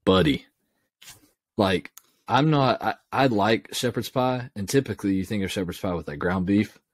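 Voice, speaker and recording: A man's voice: fairly low pitch, moderate pace, no room sound, studio quality. A man, co-hosting a podcast in casual, enthusiastic, folksy chat. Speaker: podcast co-host.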